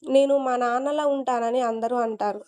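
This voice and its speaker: A woman's voice: fairly high pitch, steady tone, normal speed, darkish tone, smooth, natural voice. A woman voicing an emotional middle-aged man who has just woken after many years, speaking in a pleading, tearful way.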